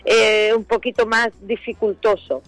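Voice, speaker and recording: Woman, Andalusian accent, middle-aged, lively colloquial talk, high voice, dry close sound. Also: a little slow, dry recording, low-quality recording. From Seville, Spain. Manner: lively, laughs often, colloquial slang. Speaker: actress, guest. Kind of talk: casual chat.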